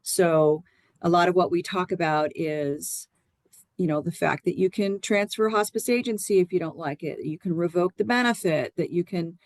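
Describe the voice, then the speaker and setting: Low-key earnest woman explaining, dry close sound. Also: normal speed, dry recording. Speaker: podcast guest, hospice nurse and educator. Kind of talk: conversational interview answers.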